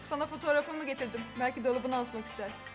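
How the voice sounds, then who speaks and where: An actress voices a lovestruck young general's daughter who hushes and coaxes in a high voice. Her lines sit in a film soundtrack with music playing under them. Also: fast talker, natural voice. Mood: affectionate. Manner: hushed and coaxing. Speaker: love interest. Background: music score.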